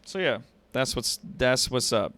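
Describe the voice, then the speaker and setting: Speaking a little slowly, a man with a medium-pitched, expressive voice and a sharp tone runs a livestream. As a content creator, he addresses viewers directly in loose, profane, slang-heavy chatter.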